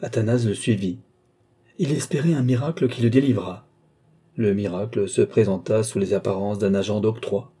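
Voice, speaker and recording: A man narrating a short story in a measured storytelling manner. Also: on the low side, warm tone, husky.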